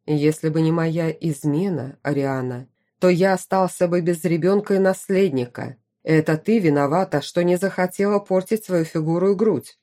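A woman's voice: fairly low pitch, moderate pace, dark tone, close to an everyday voice. Stern commanding duke, read by a woman. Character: stern commanding duke, middle-aged father. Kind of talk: audiobook character reading.

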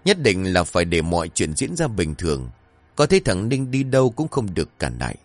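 A man narrating a story in an expressive, dramatic way, with faint music behind. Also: sits low, fairly quick, dry recording.

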